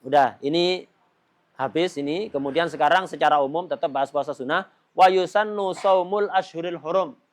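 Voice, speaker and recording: A man's voice: fairly high pitch, moderate pace. A man giving a religious study lesson in an emphatic, casual way, often putting rhetorical questions to his listeners and mixing in Arabic phrases. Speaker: religious teacher.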